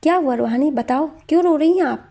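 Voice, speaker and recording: A woman's voice: high-pitched, fairly quick, mellow, pitched above the performer's own voice. A woman doing a caring middle-aged aunt. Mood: concerned. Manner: consoling, fussing.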